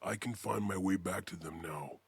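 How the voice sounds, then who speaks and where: A man's voice: sits low, normal speed, gravelly, breathy edge, exaggerated voice. An actor playing a frightened male villager lost in the wild in a video game, speaking anxiously. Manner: anxious, pleading. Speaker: game character.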